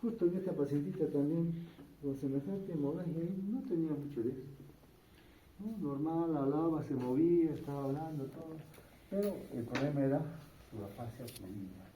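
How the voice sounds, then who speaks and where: A man walks students through neurology in a relaxed, conversational way, tossing in quick tag questions. His voice is dark and mellow. He is caught from some distance in a roomy, echoing room with faint ambience behind him. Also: on the high side, slight background noise. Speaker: neurology lecturer. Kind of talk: medical lecture. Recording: echoey room, speaker away from mic, faint ambience.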